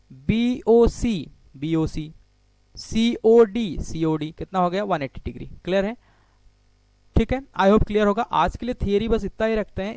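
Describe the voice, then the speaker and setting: A man's voice: high-pitched, darkish tone, dry recording. A man teaching a maths lecture for exam preparation. He asks questions and answers them himself, and he says "ठीक है" again and again. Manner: repeats "ठीक है" often while explaining on a board. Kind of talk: exam-prep geometry lecture.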